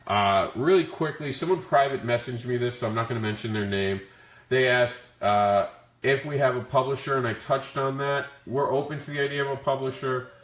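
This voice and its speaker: A man with a rough, growly voice from the flu, talking casually as he hosts a question-and-answer stream about his creative work. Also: medium pitch, brisk. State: sick with the flu. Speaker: comic creator hosting a Q&A. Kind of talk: casual livestream Q&A talk. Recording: echoey, roomy sound.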